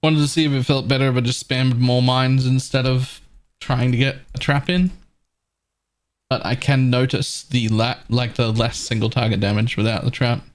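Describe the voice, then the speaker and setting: A man's voice: medium pitch, fairly even intonation, normal speed. A man giving casual live commentary as he plays a video game, thinking aloud and explaining his choices. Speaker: streamer.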